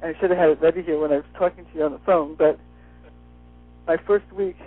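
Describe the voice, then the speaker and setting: Over a muffled phone line with faint music behind him, a man gives a personal testimonial as an interview guest, talking around a dental appliance like a retainer. His voice sits on the high side with fairly even intonation, and he talks fast. There's no echo.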